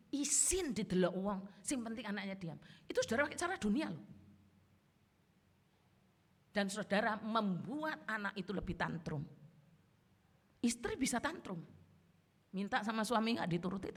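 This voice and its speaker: A woman pastor with an East Javanese accent, preaching a sermon in lively storytelling style, mimicking the people she talks about. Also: mid-range voice, husky. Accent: East Javanese Indonesian. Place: church sanctuary. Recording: long church hall reverb.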